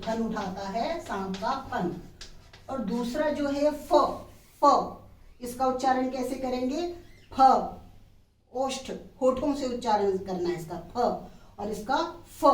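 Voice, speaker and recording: A middle-aged woman teaching a grammar lesson, slowly sounding out word pairs and checking that students follow. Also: a little high, far from the mic. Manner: slow, drawn-out word-by-word pronunciation drills; checks in with students, asking "clear?". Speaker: Hindi teacher. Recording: echoey room, voice away from the mic.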